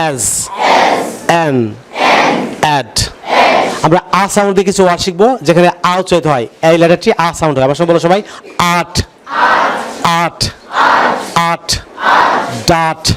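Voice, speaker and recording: High-voiced teacher drilling a noisy class. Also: male voice. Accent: Bangladeshi. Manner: repeats words for a class to echo, quizzing them. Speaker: English pronunciation teacher. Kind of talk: call-and-response classroom drill. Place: classroom with students. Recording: loud crowd and noise. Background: class chanting along.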